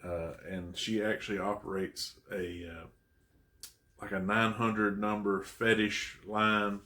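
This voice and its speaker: Deep-voiced man rambling through a movie recap. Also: flat delivery, slow, bright, forceful tone. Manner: rambling, conversational, amused. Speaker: horror movie reviewer. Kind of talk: casual plot recap.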